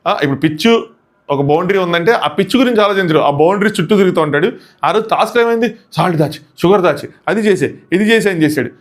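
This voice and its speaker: Fast-talking, high-pitched man reviewer. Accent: Telugu. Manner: animated, quick, mixes in English phrases. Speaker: reality show reviewer. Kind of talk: casual commentary.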